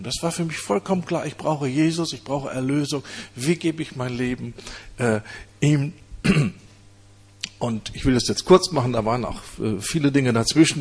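A man preaching, telling his own conversion story in an earnest, halting way. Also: on the high side, slightly rough. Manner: earnest storytelling with many hesitations. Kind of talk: testimony sermon.

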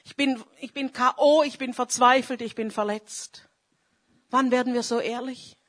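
A woman's voice: fairly high pitch, fairly even intonation, normal speed. A woman preacher, giving a fervent charismatic sermon and praying aloud. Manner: fervent, swings between loud calls and quiet confession; prays aloud mid-sermon.

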